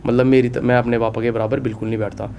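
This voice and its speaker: A man's voice: medium pitch, flat delivery, fast talker, mellow, a little hiss or hum. A young man, an athlete guest on a podcast, telling rambling stories full of fillers and frequent laughter in a studio. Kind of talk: casual storytelling interview.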